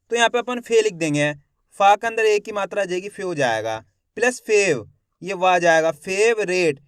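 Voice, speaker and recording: A male reading teacher who sounds out each syllable one by one, then says the whole word slowly, and asks his viewers questions that he answers himself. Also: sits high, clean tone, dry recording, studio quality. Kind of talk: slow spelling lesson, syllable by syllable.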